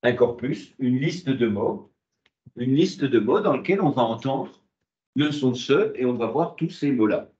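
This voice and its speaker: A man's voice: mid-range voice, expressive, measured pace, a little mellow. A man lecturing a university class, asking rhetorical questions and answering them himself. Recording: muffled, echoey classroom.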